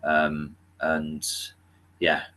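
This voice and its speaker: A man co-hosting a casual film podcast, agreeable and halting, breaking his sentences off and restarting them. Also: rumbling low, monotone, pushed and bright. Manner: agreeable, lots of backchannel, halting phrasing. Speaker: podcast co-host.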